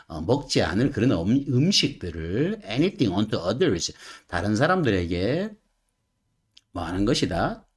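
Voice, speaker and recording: Lively-voiced male English teacher explaining. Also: fairly low pitch. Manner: asks the viewer rhetorical questions. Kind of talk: explaining textbook sentences in a lecture.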